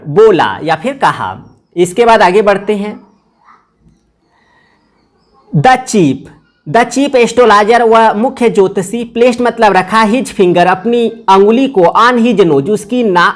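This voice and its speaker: A woman teacher, reading phrases slowly and explaining each one in Hindi. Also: medium pitch. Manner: reads English phrases very slowly, then glosses them in Hindi. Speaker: English teacher. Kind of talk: line-by-line lesson explanation.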